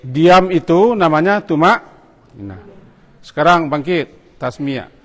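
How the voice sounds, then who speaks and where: A man's voice: a little high, expressive, slow. Man giving short commands in a reverberant mosque. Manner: coaxing, gives short commands and checks on students. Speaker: religious teacher. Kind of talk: hands-on prayer lesson for students. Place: mosque prayer hall. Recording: long mosque hall reverb.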